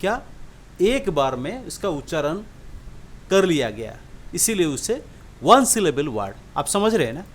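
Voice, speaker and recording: A man teaching an English lesson, sounding out example words slowly and often asking the listener if it is clear. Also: a little high, sing-song, a little hiss or hum. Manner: repeats example words slowly, checks understanding with questions. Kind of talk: classroom-style lesson explaining syllables.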